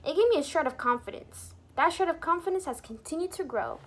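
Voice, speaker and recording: A high-voiced woman reads a children's storybook aloud like a teacher, her brisk, very lively delivery swinging up and down as she speaks to young listeners. She adds asides explaining words, and the recording has some noise.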